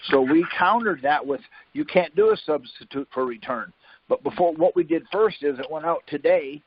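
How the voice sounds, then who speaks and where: A man hosts a conference call over a phone line, explaining things casually in a rambling, self-correcting way and often saying "see?" and "um". His voice is fairly high and animated at a moderate pace. The phone-call audio is muffled, with slight background noise.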